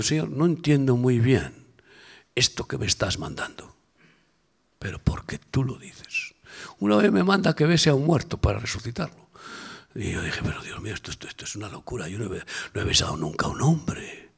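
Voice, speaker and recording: An older man from Spain, preaching a sermon as a pastor, swinging between loud emphatic calls and hushed, near-whispered asides. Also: mid-range voice, creaky.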